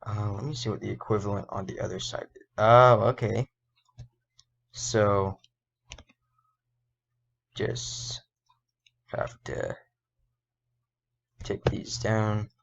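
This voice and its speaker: A man talks through his animation work in a casual, think-aloud tutorial, often stopping to correct himself. His voice is a bit hoarse and gravelly, and he speaks at an unhurried crawl. The recording sounds dull and lo-fi. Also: fairly low pitch, fairly even intonation. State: slightly hoarse. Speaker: indie game developer and animator.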